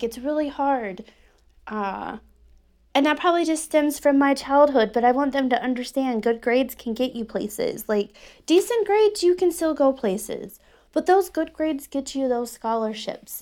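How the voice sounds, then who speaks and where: A mother in her thirties in a candid personal vlog, talking bluntly and profanely, rambling with many restarts. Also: on the high side.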